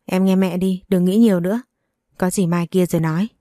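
A curt, indifferent young husband who brushes everything off, voiced by a woman narrator. The delivery is low and mellow. It is recorded close and dry for a storybook reading. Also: fairly even intonation, a little fast, dry recording, lightly acted. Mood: cold. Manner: curt and dismissive.

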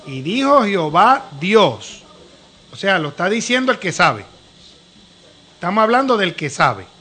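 Bright high-voiced preacher man. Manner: reads scripture slowly and emphatically, interjects praise. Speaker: preacher and program host. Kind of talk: preaching and Bible reading in a panel chat.

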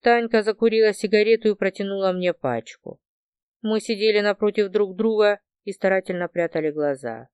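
A woman's voice: mid-range voice, a little fast, a little mellow, clean tone, no echo, studio quality. Woman narrating an emotional story. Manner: emotional first-person storytelling. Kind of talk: audiobook reading.

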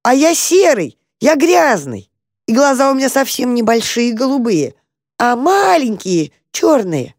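A reader voicing a timid, kind little boy mouse who talks eagerly and gently in a storybook reading. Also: medium pitch, sing-song, unhurried, dry recording, clean studio sound, voice pushed up. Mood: earnest.

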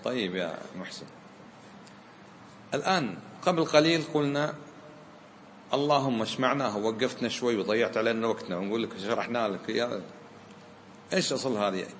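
A man's voice: mid-range voice, brisk, long pauses, slight background noise. A man teaching a grammar lesson, questioning his students and mixing dialect into his explanations. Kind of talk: classroom lesson. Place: lecture room with students. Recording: roomy echo.

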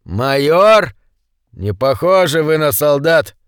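A blustering, self-important male politician from an audiobook, voiced by the narrator. His protests come out high and indignant, recorded close and dry. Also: sing-song, slow, dry recording. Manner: indignant, hoarse outbursts.

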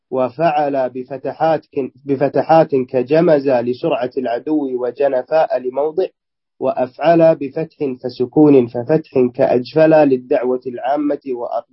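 A man's voice: mid-range voice, husky, highs cut off. A male student reading a classical grammar text aloud carefully, stumbling and restarting now and then.

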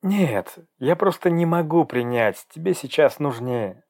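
A man reading an audiobook, voicing a calm middle-aged woman doctor who speaks in a soothing, reassuring way. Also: on the high side, unhurried, no echo, clean studio sound, voice pushed up.

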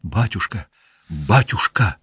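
A man voicing a devout young daughter who pleads loudly and with passion. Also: low voice, lively intonation, slow, slightly rough, no echo, studio quality, full character voice. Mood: desperate. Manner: impassioned, loud pleading.

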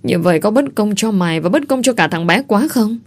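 A woman's voice: medium pitch, lively intonation, fairly quick, close to an everyday voice. A woman voicing an anxious, blunt young woman friend, asking urgent, stammering questions. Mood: pleading.

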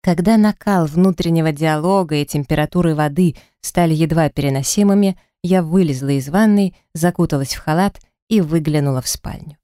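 Woman reading an audiobook, lowish mellow voice, dramatic first-person telling, dry studio mic. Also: a little fast, few pauses, no echo. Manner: expressive, dramatic storytelling. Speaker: audiobook narrator. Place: recording studio.

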